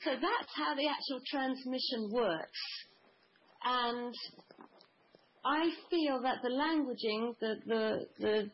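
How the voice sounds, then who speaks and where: Woman going on about divine feminine stuff in long flowing lists, kinda high voice, muffled lo-fi audio. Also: slow pace, a little hiss or hum. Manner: flowing, mystical phrasing with lists. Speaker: guest. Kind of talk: spiritual conversation.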